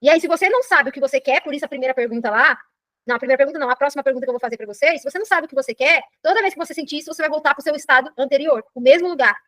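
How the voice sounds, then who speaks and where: With no room sound in the recording, a Brazilian woman coaches a live online personal development class, speaking quickly in a high voice. Her accent is Brazilian Portuguese, and she stays animated, regularly checking in with "entendeu?".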